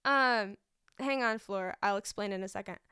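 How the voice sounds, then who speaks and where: A young woman, a student teacher, streams funny classroom stories in a casual chat full of fillers and frequent laughter. Her medium-pitched voice moves at a normal speed, sharp yet clear and resonant. The recording is studio quality with no echo.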